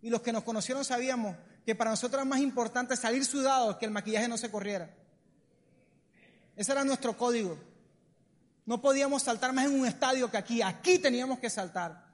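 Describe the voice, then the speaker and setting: A Colombian man preaching a sermon in a church hall, animated and lively. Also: extremely high pitch, fairly quick. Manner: animated, acts out comic voices. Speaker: pastor. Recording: long hall reverb.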